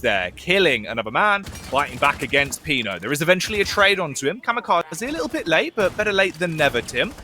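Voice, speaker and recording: A man casting esports live, with excitable, colourful play-by-play full of wordplay. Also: on the high side, brisk, few pauses. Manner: colourful wordplay and vivid phrasing; excitable, building to loud peaks in the action. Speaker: esports caster.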